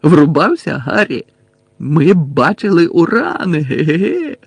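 A man's voice: a little high, huge pitch swings, slow pace, vocal fry, slightly rough, no room sound, full character voice. A man reading aloud, voicing a teenage boy wizard who is giggling and dazed after a curse. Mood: giddy dazed. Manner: giggling, slurred and loud.

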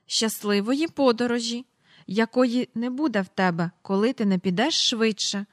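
Prim magical nanny read by a woman, clipped and proper, slightly raised pitch. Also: moderate pace, no room sound, clean studio sound, lightly acted. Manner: prim and curt.

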